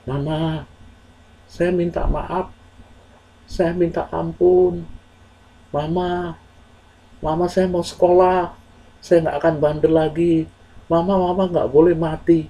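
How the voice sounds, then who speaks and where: A man's voice: fairly high pitch, dark tone, voice pushed up, poor audio. A man voicing a remorseful truant teenage boy, crying and pleading. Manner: wailing, pleading, tearful.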